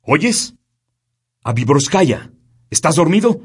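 An ironic army officer rides along in a storybook reading, teasing and hurrying the driver, as a man voices him. His voice sits higher than the narrator's, a little husky and full of lively swings. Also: takes it slowly, full character voice. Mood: ironic impatient. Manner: ironic, mocking. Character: ironic impatient male military officer passenger.

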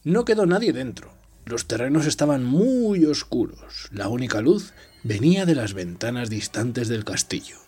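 Husky, lively man reading a novel. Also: medium pitch, moderate pace. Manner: expressive, dramatic storytelling, drops to a whisper at tense moments. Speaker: reader.

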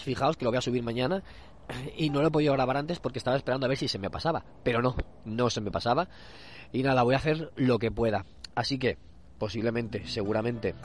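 Hoarse Spanish man with a cold. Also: mid-range voice. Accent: Spain Spanish. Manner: halting, repeats and restarts words. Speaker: podcast host. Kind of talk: casual solo commentary.

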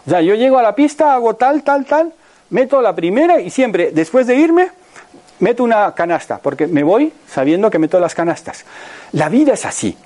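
In a high-pitched, sing-song voice that's a little mellow, this Spanish-accented (Spain) man in his sixties motivates an audience at a moderate pace. Rhetorical questions come often, as do check-ins with his listeners.

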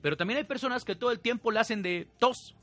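A man with a Mexican accent giving a lively spiritual talk, reading out viewer comments and asking his audience questions. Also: very high voice, fast, soft background music. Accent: Mexican Spanish. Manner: animated, questioning, lively acted-out examples. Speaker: spiritual teacher.

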